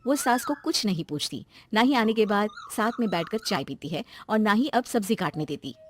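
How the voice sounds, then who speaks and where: A woman's voice: medium pitch, lively intonation, moderate pace, a little hiss or hum. A woman narrating a scripted family story as a storyteller.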